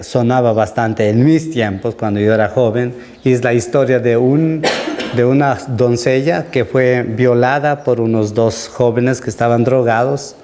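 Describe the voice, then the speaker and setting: A man's voice: mid-range voice, darkish tone. Man pastor teaching a sermon. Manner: conversational, answers congregation questions.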